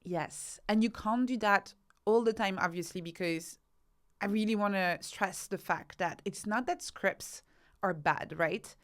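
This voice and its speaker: With a fairly bright tone and a measured pace, this mid-range female voice belongs to a podcast guest who researches and writes. She explains things in her interview answers by posing rhetorical questions and performing examples.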